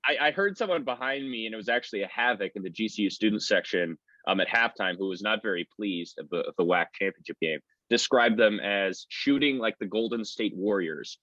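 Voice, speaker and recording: A man's voice: fairly low pitch, animated, a little fast, hardly any pauses, sharp tone, no room sound, lo-fi sound. A man speaking as a guest sports announcer in a conversational interview, giving earnest, wordy answers. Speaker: sports radio play-by-play announcer, podcast guest.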